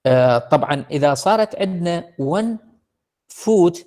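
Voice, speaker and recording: Iraqi lecturer slowly spelling out definitions. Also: male voice, a little high, expressive, darkish tone. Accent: Iraqi Arabic. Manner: mixes Arabic and English, slow deliberate English definitions, frequent hesitations. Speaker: university lecturer. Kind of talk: online lecture. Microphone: computer mic in an online class.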